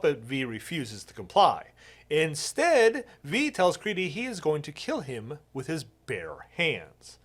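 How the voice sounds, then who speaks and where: A man's voice: on the high side, a bit bright. A man co-hosting a comedy show, recapping a plot in a mock-earnest, sarcastic way. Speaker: co-host pitching a mock script.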